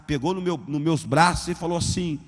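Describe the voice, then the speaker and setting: A man from Brazil, a pastor giving a testimony sermon, telling his story in animated fashion, acting out dialogue and calling out to the congregation. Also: on the high side, fairly quick. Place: large church. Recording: reverberant church hall.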